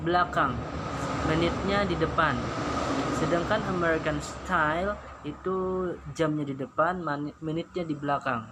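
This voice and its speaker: Slow, patient Indonesian-accented male teacher. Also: on the high side, noisy background. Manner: slow, patient, repeats each phrase with its meaning. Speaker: English teacher. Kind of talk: slide-based English lesson explained in Indonesian.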